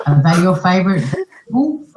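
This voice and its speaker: An Australian woman hosting a scambaiting livestream, asking teasing, deadpan questions on a prank call. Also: lowish voice, brisk, reverberant, a little hiss or hum.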